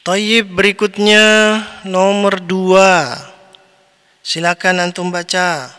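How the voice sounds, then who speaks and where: A man teaching a lesson, reciting words slowly and drawn out, then giving their meaning. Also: high-pitched, fairly even intonation, fairly bright tone, smooth, in a large hall. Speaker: Arabic teacher. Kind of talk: recorded online lesson.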